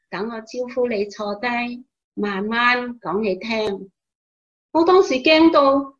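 Woman acting slow-spoken, devout Mary, mother of Jesus. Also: on the high side, lo-fi sound. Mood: animated recollection. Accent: Hong Kong Cantonese. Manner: measured, expressive storytelling. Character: calm, devout mother telling of her youth. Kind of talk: Bible story radio drama.

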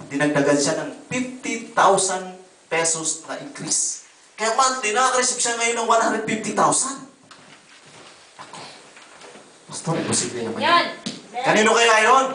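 A man preaching a sermon as pastor, telling testimonies in an animated way and calling listeners brother and sister. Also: high voice, a little hiss or hum. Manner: animated, voices quoted people, addresses congregation as brother and sister. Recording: echoey room, voice from a distance.

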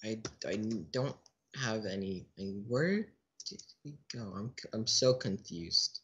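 A man's voice: on the low side, expressive, slow, a bit bright, lo-fi sound, slight background noise. A man giving casual let's play commentary, chatting in a restless way with a teammate who cannot be heard. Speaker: gaming channel host.

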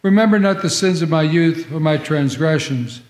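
Leading a liturgy in a large church sanctuary, a male pastor prays in a slow, solemn cadence, and his slightly high voice rings out through the cathedral echo. Each phrase is measured and ceremonial yet animated, with crowd noise in the background.

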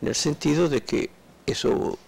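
Gravelly older man explaining calmly. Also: fairly high pitch, low-quality recording. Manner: measured, explanatory. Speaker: political party delegate. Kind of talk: TV studio interview. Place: TV studio set. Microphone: lapel.

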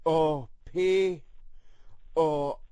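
A man's voice: a little high, steady tone, warm tone, clear, resonant tone, dry recording. A man voicing a hesitant Italian ex-convict who speaks broken English with an Italian accent and many fillers. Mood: bumbling. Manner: halting, full of uh fillers, broken grammar. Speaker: prank caller. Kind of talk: prank phone call in character.

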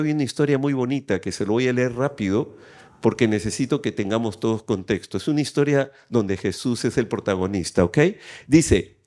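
Animated man preaching. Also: medium pitch. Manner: animated preaching, asks the congregation questions and reads scripture aloud. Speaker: pastor. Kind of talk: sermon. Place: church auditorium.

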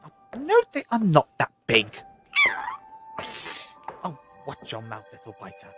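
Eccentric male time traveller, acted by a man, theatrical, very animated pitch, halting slow pace, audio drama over music. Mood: flustered. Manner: theatrical, muttering to himself, stop-start. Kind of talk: full-cast audio drama.

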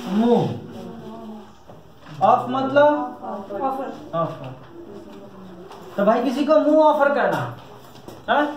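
A man teaching a classroom lesson in a joking way, often stopping to ask if the class has understood. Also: very high voice. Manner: jokey, asks checking questions. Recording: echoey classroom from a distance.

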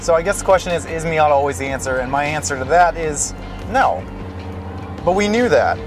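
A man casually reviewing a car in a vlog, thoughtful and measured. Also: on the high side, lively intonation, over music. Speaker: road trip vlogger.

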